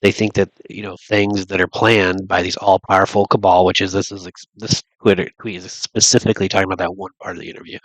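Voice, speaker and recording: A man's voice: deep voice, little pitch movement, fast, few pauses, no echo, poor audio. A man with a stuffy nose from a cold, rambling through a casual monologue and thinking aloud with lots of restarts and fillers. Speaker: vlogger.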